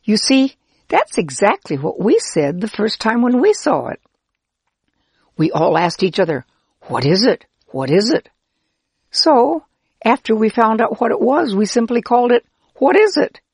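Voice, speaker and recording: A woman's voice: fairly high pitch, sing-song, measured pace, slightly rough, dry recording, studio quality, voice pushed up, exaggerated voice. A woman voicing a friendly, helpful Israelite man who laughs easily and explains patiently in a children's storybook. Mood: cheerful explaining.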